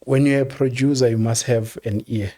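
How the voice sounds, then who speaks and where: With a mid-range voice and a South African accent, this older music executive recounts stories in a laid-back interview. His pace is measured, and he circles back over words as he thinks.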